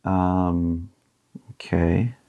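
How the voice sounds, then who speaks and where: Extremely slow and flat, a man in his thirties with a deep, mellow voice and vocal fry hosts a board game unboxing, idly musing and sometimes reading from what's before him. The audio sounds dull.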